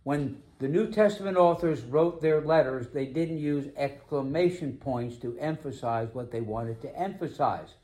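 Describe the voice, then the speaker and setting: A man preaching a sermon as pastor, emphatic, slowing down to stress key phrases. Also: a little high, warm tone.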